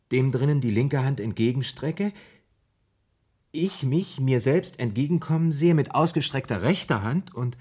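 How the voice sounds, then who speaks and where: In a 1970s German radio play, an actor voices a troubled, brooding man who confesses his fear of going mad. His voice is medium-pitched, husky and darkish, and he tells the story in a halting, dramatic way.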